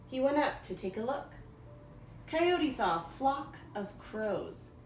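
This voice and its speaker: A woman teacher reading a storybook aloud for young children, in simple, deliberate phrases. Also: sits high, sing-song. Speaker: elementary school teacher. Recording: echoey room, distant mic, faint noise.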